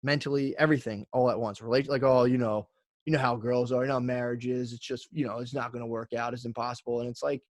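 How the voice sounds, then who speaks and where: A man's voice: mid-range voice, fairly even intonation, fast talker, no room sound. A man in his thirties, a podcast guest talking in a rambling casual way with many fillers. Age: 30s.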